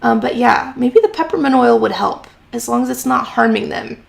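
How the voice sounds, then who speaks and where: An encouraging woman answers viewer questions on a live stream from her home office, her voice a touch high and full of vocal fry. She talks in a loose, chatty way, full of "um" and "like," and sounds a little hoarse after talking a long time. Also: normal speed. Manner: chatty and encouraging, many fillers like "um" and "like". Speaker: host of a freelance writing live stream.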